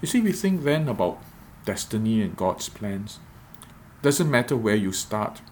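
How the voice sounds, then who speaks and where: A man giving a reflective devotional podcast talk as a preacher, measured and repeating phrases for emphasis. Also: fairly low pitch, sing-song, darkish tone, slight background noise.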